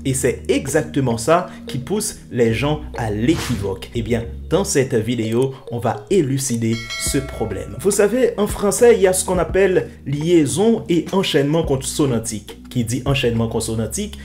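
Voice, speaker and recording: A man in a mid range of pitch explains grammar rules for his channel in a friendly, emphatic teaching voice. He repeats example phrases and stresses the key sounds. Faint music plays softly behind him. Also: sing-song, normal speed, hardly any pauses. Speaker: French language teacher, channel host. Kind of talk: casual explanatory video lesson.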